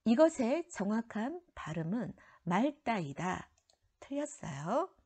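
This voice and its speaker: A woman teacher walks students through grammar rules in a lively voice that climbs and falls a great deal. Her tone is dark and a little husky, slightly low in pitch, and some phrases fade to a near whisper. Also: unhurried. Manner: explains grammar rules step by step, often starting with "자,". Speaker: middle school Korean teacher. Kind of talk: recorded classroom lecture.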